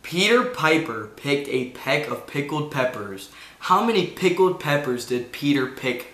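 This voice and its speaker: A young man, around his late teens, hosting a casual home vlog with an informal, halting delivery. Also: fairly high pitch, very animated, a bit bright. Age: teens to young adult. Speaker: video host. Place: indoors in a room at home. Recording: echoey untreated room.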